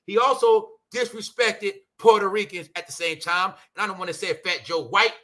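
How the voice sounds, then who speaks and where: A livestream host from Brooklyn, New York swears heatedly through a rant, calling his audience "y'all" and "bro." He has a high, fairly bright voice with a steady tone and moderate pace.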